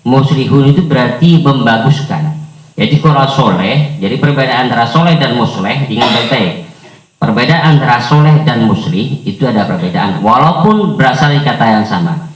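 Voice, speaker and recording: A man teaching an Islamic book study in a conversational way, often tagging questions and jumping his voice high for emphasis. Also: expressive, moderate pace. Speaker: religious teacher. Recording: echoey room, mic far off.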